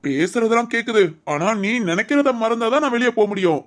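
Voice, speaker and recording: A man's voice: very high voice, sing-song, brisk, fairly bright tone, heavily acted. A man playing a playful young husband who teases and pleads with his angry wife in a comic family skit. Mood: teasing. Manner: teasing, pleading, wheedling. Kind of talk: comic family drama acting.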